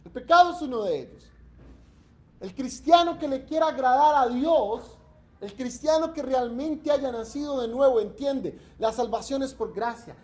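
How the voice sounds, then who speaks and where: A man's voice: extremely high pitch, warm tone. A middle-aged man, preaching a sermon in an emphatic, earnest way. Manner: emphatic and earnest, acts out quoted voices. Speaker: pastor. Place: church.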